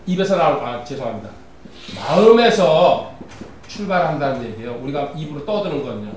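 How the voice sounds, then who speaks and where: A man's voice: a little high, sing-song, a little fast, darkish tone, slight background noise. A man preaching a sermon as a pastor, reading scripture aloud and putting questions to the congregation. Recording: roomy, distant, faint ambience.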